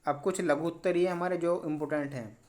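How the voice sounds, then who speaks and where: A man with a slightly raised pitch talks through exam questions in a quick, instructive way. He checks in often with short confirmations and keeps stressing which answers matter. It sounds like a study lesson for students. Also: fairly even intonation, a little mellow. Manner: brisk, repeats "important" and "ठीक है". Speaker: teacher.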